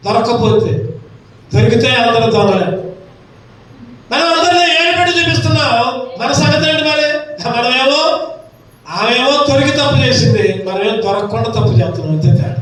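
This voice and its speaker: Man preaching, really high voice, booming echo, sounds far off from the mic. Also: a bit bright, a little hiss or hum. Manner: rhetorical questions and repeated phrases. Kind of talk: sermon. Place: church hall. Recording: echoey hall from far off.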